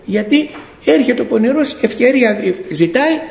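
A man's voice: very high voice, animated, gravelly, a little mellow. A middle-aged man giving a spoken faith testimony to a congregation, telling the story in a storytelling way, acting out bits of dialogue and often correcting himself. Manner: storytelling, acts out dialogue, frequent self-corrections. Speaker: church member giving testimony. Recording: echoey hall with long reverb.

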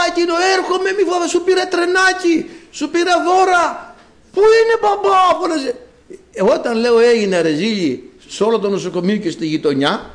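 A male priest giving a sermon, telling stories in an animated way and addressing the congregation again and again. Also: sits high.

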